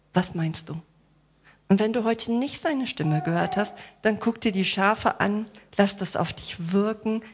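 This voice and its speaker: This is a woman's sermon, aimed right at the people in the pews, full of rhetorical questions, lighthearted asides and comforting words. Her husky voice falls in the mid range.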